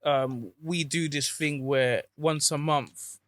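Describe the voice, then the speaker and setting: A man in his thirties chats casually in a London roadman accent. His voice sits a little high and is bright and forward, recorded close and dry. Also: steady tone, slow pace, no room sound. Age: 30s. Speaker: interview guest. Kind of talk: casual chat.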